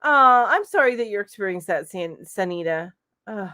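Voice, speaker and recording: A middle-aged woman hosts a live chat stream for her crochet channel from home, casually reading viewer comments aloud and responding with lots of fillers. Her mid-range voice is animated and sharp-toned at a normal pace. The studio-quality sound is clean with no echo.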